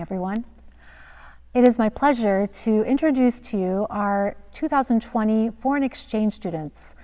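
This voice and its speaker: A woman head of counseling introducing students and awards at a school ceremony, friendly and a bit quick. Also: mid-range voice, a little mellow, big-room sound.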